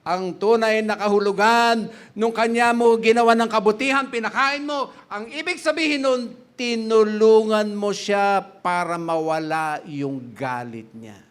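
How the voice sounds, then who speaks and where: A middle-aged male pastor from the Philippines gives a sermon in a notably high voice. He speaks slowly and deliberately, chats and laughs along the way, and keeps turning to the congregation with questions, mixing English into his talk. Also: smooth. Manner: chatty, laughs often, quizzes the congregation, mixes English in.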